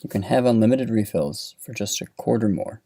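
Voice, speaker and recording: A man's voice: lowish voice, expressive, moderate pace, vocal fry, mellow, dry recording. A man voicing a young female drive-thru worker, curt and matter-of-fact, in a spoken comic story.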